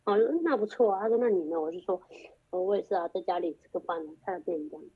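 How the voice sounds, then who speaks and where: A woman's voice: lowish voice, rapid-fire, breathy edge. A young woman, telling a story in a casual chat and acting out the quoted lines with animation. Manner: animated, acts out quoted dialogue. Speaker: guest. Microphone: group phone call. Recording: muffled lo-fi call audio.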